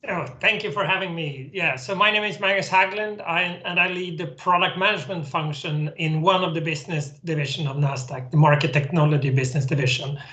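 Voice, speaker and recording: A man's voice: on the high side, steady tone, brisk, hardly any pauses, sharp tone, echoey room, highs cut off. A man from Sweden with a Swedish accent, explaining his company's work as a webinar guest, earnest, with restarts and repeated words. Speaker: guest executive.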